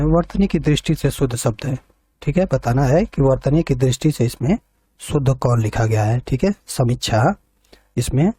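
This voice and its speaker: A man's voice: medium pitch, dark tone, husky, no echo. A man teaching an exam preparation lesson, reading each question and its options, then explaining the answer step by step and repeating points back.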